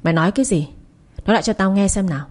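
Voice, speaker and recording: A woman's voice: mid-range voice, very fast, darkish tone, natural voice. A woman voicing a bitter young man, an outcast son who speaks coldly and defiantly. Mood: seething. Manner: cold, clipped and defiant.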